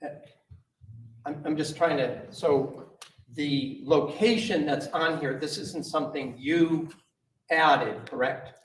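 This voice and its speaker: Man cross-examining, hesitant with many fillers, courtroom recording, echoey and far from the mic. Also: on the high side. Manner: halting, full of uhs and self-corrections. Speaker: attorney questioning a witness. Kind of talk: courtroom questioning. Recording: echoey courtroom audio from a distant mic with faint noise.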